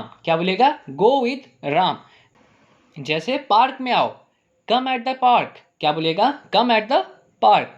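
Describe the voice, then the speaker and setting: A male English teacher explaining grammar, asking the class rhetorical questions and repeating "ठीक है?" while saying example sentences slowly. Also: high voice, muffled recording.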